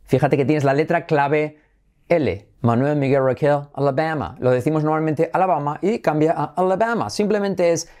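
A man with a Spain Spanish accent gives an upbeat online lesson on English pronunciation, repeating words for drills and slipping in English phrases. His voice is fairly high and a little mellow, at a moderate pace.

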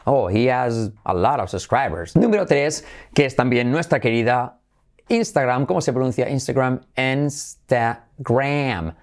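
Energetic bilingual teacher. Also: male voice, mid-range voice, normal speed. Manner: energetic, repeats drill phrases, switches between Spanish and English. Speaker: English teacher, channel host. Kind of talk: bilingual English pronunciation lesson.

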